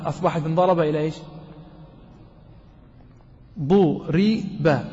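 A man teaches grammar to a class, putting questions to his students and repeating words slowly. His voice sits a little high and sounds husky. The muffled, lo-fi recording carries a long hall reverb. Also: darkish tone.

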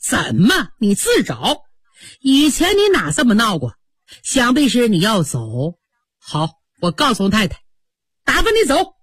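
A woman's voice: a little high, huge pitch swings, measured pace, slightly rough, dry recording, heavily acted. A woman voicing a hot-tempered pampered young nobleman in a storybook tale, curt and scolding.

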